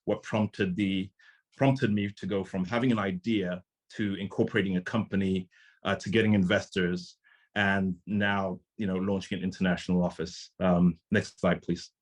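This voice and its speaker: A man's voice: deep voice, fairly even intonation, moderate pace. A man from Zimbabwe, a startup founder and CEO, giving an earnest, conversational conference presentation over a video call.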